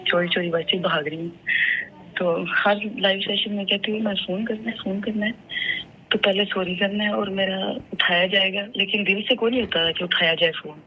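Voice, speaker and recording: A woman's voice: medium pitch, fairly even intonation, a little hiss or hum. Earnest woman on a muffled phone line. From Pakistan. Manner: halting, earnest, self-reproaching. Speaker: caller giving testimony. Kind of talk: emotional phone-in testimony.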